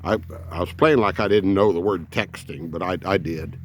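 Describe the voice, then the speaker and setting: A man's voice: low voice, normal speed, slight background noise. Old man in his seventies, folksy, rambling storyteller, lots of fillers. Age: 70s. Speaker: RV vlogger. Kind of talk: casual storytelling.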